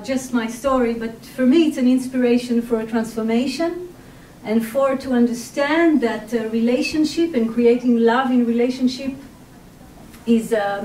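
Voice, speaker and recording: A woman with an Israeli accent talks reflectively to an audience, pausing often and searching for words. Her voice sits fairly high. She is picked up from a distance, with roomy echo around her. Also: a little mellow, slight background noise. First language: Hebrew. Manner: reflective, hesitant, many pauses and fillers. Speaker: sex and relationship therapist. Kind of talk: personal talk to an audience. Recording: distant mic in an echoey room.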